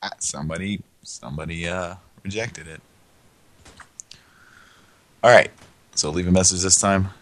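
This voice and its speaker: A man hosting a live call-in show, talking in a laid-back, rambling way with lots of fillers and quiet chuckles. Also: low-pitched, measured pace, pauses often. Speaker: radio show host. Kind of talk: casual live prank-call show chat.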